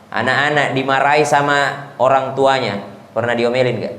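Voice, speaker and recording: A man preaching a lively mosque sermon, chanting verses and asking his congregation questions. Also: mid-range voice, normal speed. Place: mosque hall. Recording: echoey mosque hall.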